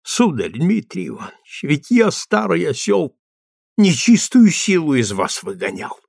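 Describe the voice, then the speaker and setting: A man's voice: on the high side, measured pace, vocal fry, dry recording, studio quality, pitched above the performer's own voice, full character voice. A man playing a blustering old army major. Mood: rueful. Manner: blustering, excitable, apologetic. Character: blunt gruff old army major, simple-minded.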